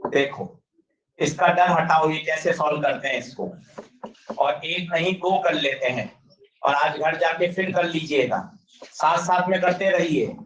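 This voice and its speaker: A male teacher giving a lively classroom physics lecture, drilling students with rapid questions and urging them on. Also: a little high. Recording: dull roomy classroom sound from a distance.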